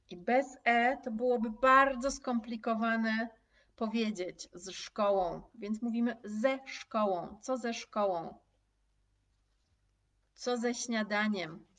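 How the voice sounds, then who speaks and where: A woman teaches a live online language lesson in an unhurried, deliberate way, saying each example phrase several times. Her voice sits at a middle pitch and comes from a little way off the mic. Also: fairly bright tone, recorded from a distance. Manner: slow, clear, repeats example phrases and reads viewers' comments.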